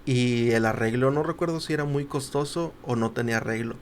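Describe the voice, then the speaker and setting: A man's voice: medium pitch, fairly quick, a little hiss or hum. Young man telling a faith story. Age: young adult. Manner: animated, acts out quoted voices, drops to quiet for emotional parts. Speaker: podcast guest. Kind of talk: casual storytelling.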